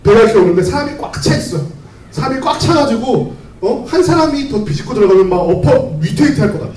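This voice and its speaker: A man's voice: extremely high pitch, expressive, fast talker, a little mellow, slight background noise. A male pastor preaching to a youth group, telling a story and asking many rhetorical questions in a conversational way. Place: church hall. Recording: roomy hall, mic from a distance.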